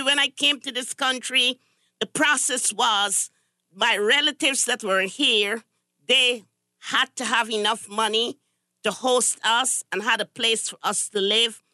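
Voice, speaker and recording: A woman's voice: on the high side, bright, forceful tone, no room sound. An older woman from Guyana, the candidate's mother, giving a preacherly address that quotes scripture. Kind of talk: speech-like address.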